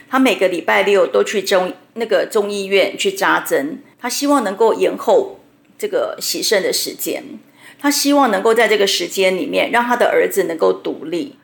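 A middle-aged woman with a Taiwanese Mandarin accent telling stories in a relaxed, chatty way, full of little particles. Her voice is mid-pitched with a gravelly texture. The recording sounds roomy and echoey. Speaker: hypnotherapist host. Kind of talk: casual storytelling talk. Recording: roomy echo.

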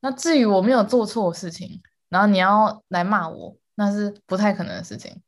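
A woman co-hosting a casual chat podcast, animated and quick to repeat words for emphasis, laughing often. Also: mid-range voice. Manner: calls herself quick to anger. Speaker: podcast co-host.

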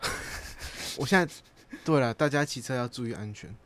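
A young man, co-hosting a podcast in casual chat and throwing in quick teasing quips and laughs. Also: mid-range voice, fairly bright tone, slight background noise. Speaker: podcast co-host.

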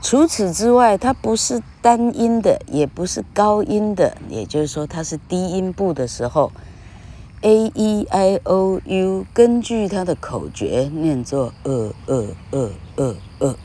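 Mellow-voiced woman teaching casually. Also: mid-range voice, lively intonation, unhurried, a little hiss or hum. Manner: chatty, rambling, ends phrases with a tag "ha". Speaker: English teacher podcast host. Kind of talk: casual spoken lesson.

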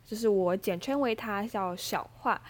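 Young female podcast host, Taiwanese Mandarin accent, mid-pitched, stuffy-nosed, chatty storyteller who leans on fillers. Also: moderate pace. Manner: chatty, animated retelling with many fillers. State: stuffy nose. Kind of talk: casual storytelling monologue.

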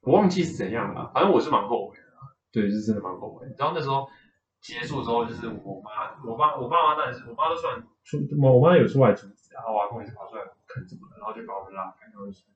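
A man's voice: medium pitch, rapid-fire, fairly bright tone, reverberant, dull audio, slight background noise. A young man, a guest on a casual podcast, telling a personal story in a rambling way, full of restarts. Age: young adult.

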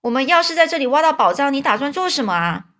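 A woman reading aloud as an eager, boastful storybook boy full of big plans. The voice is fairly high and bright with excitement, with a lilt. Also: quick pace.

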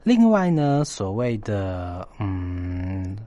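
A man's voice: sits low, big pitch swings, very slow, warm tone, no echo. A man hosting a story-based English lesson, emphatic, often repeating phrases and spelling words out letter by letter. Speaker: English teacher and host.

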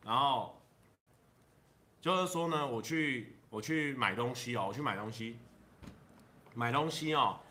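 Bright-voiced Taiwanese man rambling on stream. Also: medium pitch. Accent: Taiwanese Mandarin. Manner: rambling, drawn-out sentence-final particles, chuckles at his own jokes. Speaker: livestreamer. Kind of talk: casual livestream chat telling jokes.

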